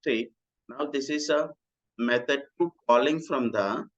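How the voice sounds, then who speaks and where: A programming instructor gives a recorded lecture in a mid-range voice at a measured pace, walking through things step by step. He explains steadily and often restates his lines. The recording sounds muffled.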